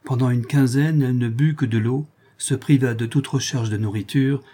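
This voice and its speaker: Male audiobook narrator, measured literary reading, dark and husky. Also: mid-range voice, fairly even intonation.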